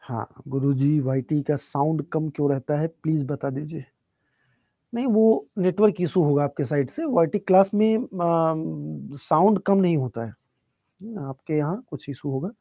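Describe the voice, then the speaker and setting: Soft-spoken man teaching a calm online class. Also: a little high, a little slow, dry recording, studio quality. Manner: reads out student chat questions and answers them. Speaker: online exam-prep teacher. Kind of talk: live online class, chatting with students.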